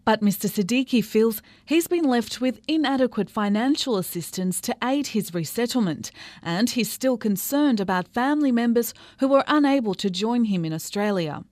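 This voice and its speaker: A woman reporter reading a scripted news report in a measured, even way. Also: fairly high pitch, no room sound.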